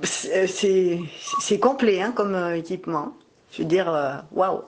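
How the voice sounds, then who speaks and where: A woman's voice: lowish voice, a little slow, rough recording. A mother talking casually over the phone with her young child, in a playful, encouraging way. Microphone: telephone call.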